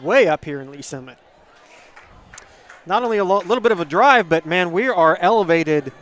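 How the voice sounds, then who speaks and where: A man giving color commentary on a high school football game from a stadium press box, chatty and agreeable. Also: lively intonation, a bit bright. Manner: chatty, agreeable, quick to laugh.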